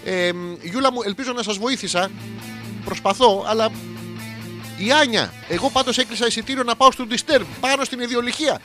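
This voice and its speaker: A man's voice: extremely high pitch, pushed and bright. A male radio host, rambling through a crude comic monologue and reading out listener comments in a vulgar, mock-storytelling way, with sudden jumps in his voice. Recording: music playing behind the voice. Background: guitar music.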